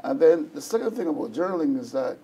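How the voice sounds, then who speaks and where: A male reverend explaining journaling on a church television programme, talking conversationally and sometimes pausing to search for words. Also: fairly high pitch, very animated, dark tone, a little hiss or hum.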